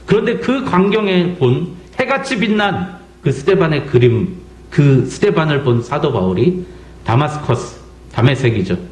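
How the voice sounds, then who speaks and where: In a church sanctuary with a noticeable echo, a middle-aged pastor from South Korea delivers a sermon, dramatizing quotes and asking the congregation pointed questions. His fairly high voice has a sing-song, darkish quality at normal speed.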